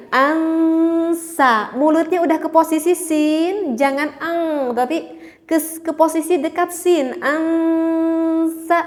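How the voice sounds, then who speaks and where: A woman with a high voice teaches a recitation lesson at a slow, careful pace. She demonstrates each sound again and again, patient and clear with the learners at home. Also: darkish tone. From Indonesia.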